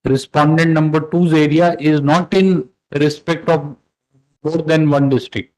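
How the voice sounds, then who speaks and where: A man's voice: fairly high pitch, steady tone, a little slow, darkish tone, rough recording. A man with an Indian accent speaking as a judge, questioning and instructing from the bench with authority. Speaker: judge presiding over a court hearing. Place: courtroom, live-streamed hearing.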